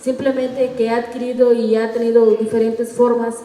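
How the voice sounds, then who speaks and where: Woman, totonac native speaker, reflective, slightly halting, fairly high, mellow. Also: level tone. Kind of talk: reflective interview talk. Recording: roomy recording with long reverb.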